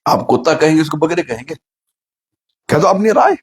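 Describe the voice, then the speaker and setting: A man's voice: fairly high pitch, expressive, slightly rough. A man giving a sermon, telling a funny story and asking the listeners questions. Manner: asks the audience questions, acts out story characters. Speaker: Islamic preacher.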